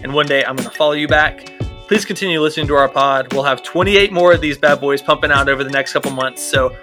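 A man's voice: fairly high pitch, fast, bright, forceful tone, soft background music. A man hosting a casual sports podcast, talking loosely with plenty of fillers and restarts. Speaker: podcast host.

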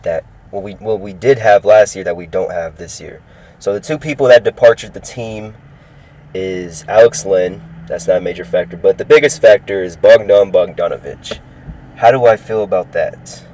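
At normal speed, he speaks in a low voice with a darkish tone, recorded at low quality. He's a California podcast host in his early twenties, rambling upbeat through his own casual sports show and circling back over the same points.

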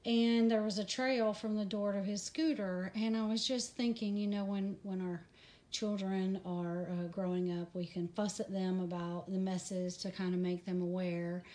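Woman, ministry host, devotional talk, slightly breathless, halting and chatty, medium pitch. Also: level tone, dark tone. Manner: conversational, halting, many fillers.

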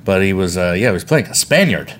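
A man's voice: low-pitched, expressive, fast talker, slight background noise. A man co-hosting a podcast in casual chat, talking in a wry, rambling way. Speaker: podcast co-host.

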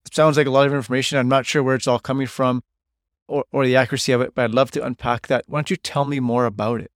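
A man's voice: mid-range voice, steady tone, quick pace, smooth, dry recording. Middle-aged male host, solo podcast, blunt and emphatic delivery, dry close-mic sound. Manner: blunt, emphatic, swears freely.

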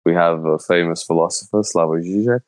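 Deep-voiced man, halting. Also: fairly even intonation, dry recording, low-quality recording. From Slovenia. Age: 30s. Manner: thoughtful, halting, searching for words. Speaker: interviewee, illustrator. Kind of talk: casual interview answers.

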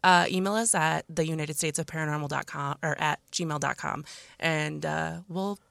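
A woman's voice: low voice, steady tone, moderate pace, gravelly, a bit bright, no echo. A woman hosting a podcast, chatting casually and telling a story in a studio. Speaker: podcast host. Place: small dry podcast studio.

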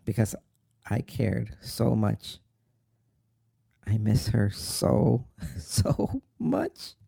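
This is a heartbroken young man, as an actor plays him, speaking in an unhurried, halting drama voice full of sorrow. His tone is creaky with a gravelly edge, and the sound is close and dry. He comes across as a sincere radio-drama lead. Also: mid-range voice, steady tone, mellow, dry recording. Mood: grieving. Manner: slow, halting, tearful storytelling. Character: grieving young man mourning his mother. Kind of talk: dramatic monologue.

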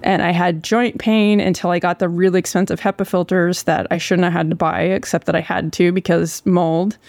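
Gravelly, crackling voice with heavy vocal fry. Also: mid-range voice, level tone, moderate pace, dry recording. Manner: candid, informal, occasional swearing. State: long-running sore throat. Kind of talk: casual personal storytelling.

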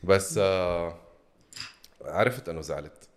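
A man's voice: sits low, measured pace. A man with a Lebanese Levantine Arabic accent, co-hosting a casual chat and often switching between Arabic and English. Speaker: podcast co-host.

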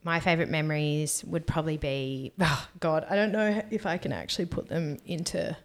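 A young woman with a strikingly low voice co-hosts a podcast at a normal pace. Relaxed and reflective, she reads out questions and talks about energies and staying grounded in casual conversation.

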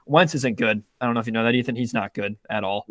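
This podcast co-host is a young man who talks fast, with a medium-pitched, slightly bright voice. On a casual sports betting show he rambles, cuts himself off, restarts frequently, and swears at times. The recording is dry and clean, studio-made.

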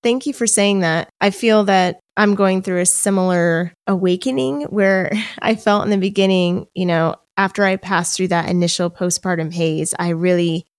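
A woman's voice: fairly low pitch, no echo, studio quality. A young woman, a new mother, talking earnestly in a casual podcast conversation.

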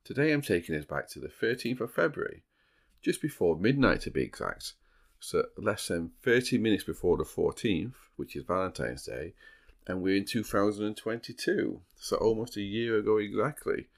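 A man's voice: lowish voice, lively intonation, normal speed, gravelly. A man hosting a true crime podcast, moving between casual banter and storytelling, with a dry, teasing humour. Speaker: podcast host.

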